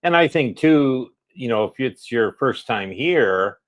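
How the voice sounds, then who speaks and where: A man with a medium-pitched voice co-hosts a casual live chat. He reads out messages from viewers and adds easygoing, agreeable remarks. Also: expressive, measured pace. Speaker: livestream co-host.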